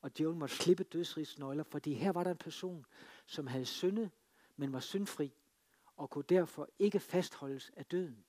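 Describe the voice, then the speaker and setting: A man preaching a sermon, telling the story dramatically and swinging between emphatic lines and hushed ones. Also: fairly high pitch. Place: free church.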